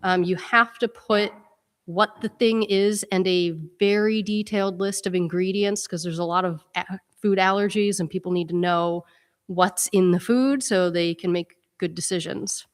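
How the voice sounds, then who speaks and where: A woman's voice: mid-range voice, fairly even intonation, moderate pace. Congested woman speaking in a reverberant church. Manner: chatty, informal, with frequent ums. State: congested with a head cold. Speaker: minister leading worship. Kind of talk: church welcome and announcements. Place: church sanctuary. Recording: long reverb in a church sanctuary.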